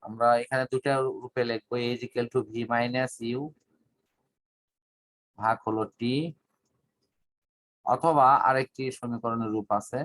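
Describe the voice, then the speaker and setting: Unhurried male physics teacher. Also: medium pitch, level tone, a bit bright. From Bangladesh. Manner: measured, halting delivery with long pauses, mixing in English terms. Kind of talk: online whiteboard lesson.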